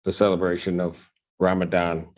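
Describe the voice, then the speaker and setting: Give me a deep-voiced judge on a courtroom recording. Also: male voice, flat delivery, normal speed, a little mellow, dull audio.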